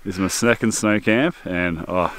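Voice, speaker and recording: A man's voice: low-pitched, normal speed, fairly bright tone. An Australian man in his thirties vlogging casually from a snowy campsite, chatty and laughing often as he teases a mate. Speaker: outdoor vlogger. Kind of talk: casual camping vlog. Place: snowy bush campsite outdoors. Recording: noisy outdoor camera audio.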